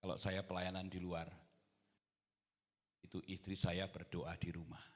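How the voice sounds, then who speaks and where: A man preaching a sermon in church, moving between quiet talk and loud, impassioned exhortation. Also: low-pitched, completely flat delivery, unhurried. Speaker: pastor. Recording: reverberant church hall.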